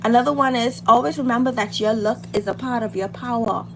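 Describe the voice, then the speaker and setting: Over noticeable background noise, a Bahamian woman hosts a casual livestream, her slightly high voice moving briskly with some vocal fry. A beauty and hair content creator, she chats while doing her makeup, giving informal, motivational girl talk and repeating phrases to drive them home.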